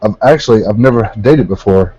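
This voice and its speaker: A man voicing an awkward, shy young man on his first date, reading plainly and haltingly from an amateur fan story. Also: fairly low pitch, mellow, breathy edge, lo-fi sound. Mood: awkward, earnest. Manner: plain, halting read-aloud.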